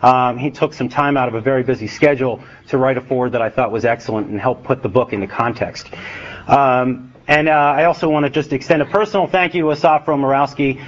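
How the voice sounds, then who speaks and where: An American man giving a relaxed talk as an author, with many fillers and acted-out dialogue. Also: medium pitch, quick pace, lo-fi sound. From United States. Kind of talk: public talk with a joke. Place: event hall with a live audience.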